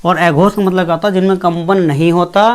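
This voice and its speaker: A teacher giving a grammar lesson, who asks the class questions, answers them itself, repeats each point and slowly sounds out each letter. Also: medium pitch, steady tone. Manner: repeats points and fills with "theek hai".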